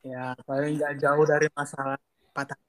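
A man's voice: fairly high pitch, flat delivery, normal speed, slight background noise. A man co-hosting a casual podcast, bantering and teasing in a playful way. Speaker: podcast co-host.

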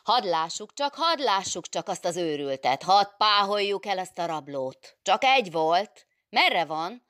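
A woman voicing a loud, bold gentry nun who shouts commands. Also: medium pitch, sing-song, dry recording, studio quality, pitched above the performer's own voice. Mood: fierce.

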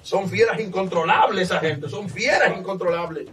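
A man, a pastor, giving an impassioned testimony that swings from loud exclamations to hushed storytelling. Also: high voice, normal speed, far from the mic. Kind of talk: fervent preaching testimony.

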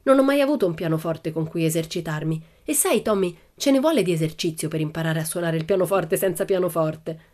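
A woman reading an audiobook, voicing a bold, carefree little girl who talks loudly and emphatically. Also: fairly quick, few pauses, close to an everyday voice. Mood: cheeky. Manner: loud, emphatic and high-spirited.

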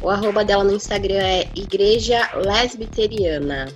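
A woman's voice: mid-range voice, moderate pace, muffled recording, soft background music. A Brazilian woman chatting casually on a podcast panel, slangy and enthusiastic. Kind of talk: casual chat.

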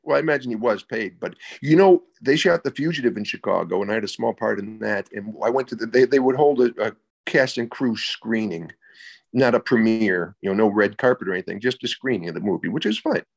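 A man's voice: fairly low pitch, brisk, vocal fry. A man, an actor guest, telling stories in casual chat, repeating words as he searches for them.

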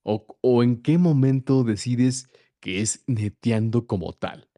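A man hosting a casual podcast interview, encouraging his guest, with halting repeated starts. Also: medium pitch, dark tone, no room sound, studio quality. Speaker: podcast host.

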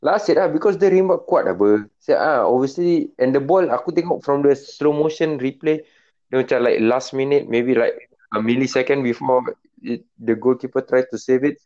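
A man's voice: medium pitch, a little fast, a little mellow, dull audio. A man with a Singaporean accent chatting casually about football as a co-host, in Singlish that switches between English and Malay.

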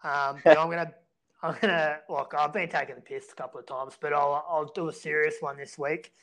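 A man's voice: fairly high pitch, steady tone, fairly quick, fairly bright tone. An Australian man co-hosting a sports podcast in casual chat, laid-back and full of blokey slang. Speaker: fantasy rugby league podcast host.

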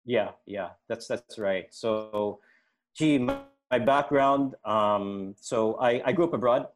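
A middle-aged man, a sports programme organiser and futsal official from Indonesia, Hong Kong and the Philippines, speaks slowly as an interview guest. In a mid-range voice, he casually explains things and recounts his own experiences.

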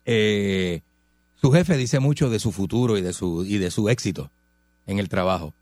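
A man's voice: on the low side, moderate pace, darkish tone, no echo. A middle-aged man with a Puerto Rican accent hosting a radio show in casual, emphatic banter, full of rhetorical questions.

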